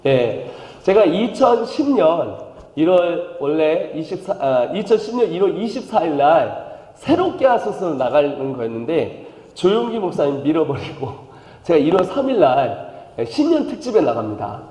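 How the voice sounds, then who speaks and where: A man's voice: fairly high pitch, big pitch swings, normal speed, dark tone, reverberant, big-room sound, rough recording. A man with a Chungcheong accent preaching a playful revival sermon, calling for amens and slipping into dialect impressions. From Chungcheong, South Korea. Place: church sanctuary.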